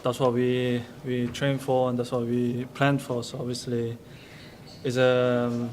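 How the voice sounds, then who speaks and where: A man whose first language is Korean, giving a halting press interview in a stilted way, leaning on "obviously". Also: medium pitch, level tone, a little mellow. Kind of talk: post-match press interview.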